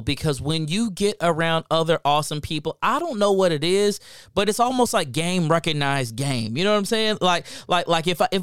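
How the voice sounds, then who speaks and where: Brief: male co-host, emphatic and repetitive, smooth resonant tone, dry sound. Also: high-pitched, dry recording. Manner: emphatic, repeats phrases, laughs often. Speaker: co-host of a live show. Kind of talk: casual chat. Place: at a desk indoors.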